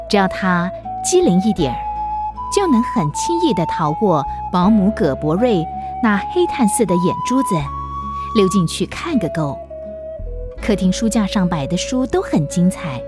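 A woman narrating a children's story in a gentle, expressive storytelling manner on a close studio mic. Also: mid-range voice.

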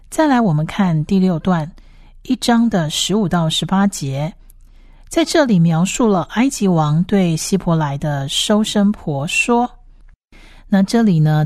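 A woman teaching a Bible study lecture, explaining passages in a steady way and reading scripture aloud. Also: fairly low pitch, dry recording, clean studio sound.

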